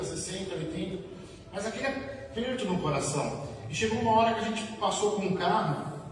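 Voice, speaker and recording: High-voiced Brazilian man in an echoey hall. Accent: Brazilian Portuguese. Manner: rambling, repetitive storytelling. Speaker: church member giving testimony. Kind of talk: spoken testimony at a church service. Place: church hall. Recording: echoey church hall from far off with background noise.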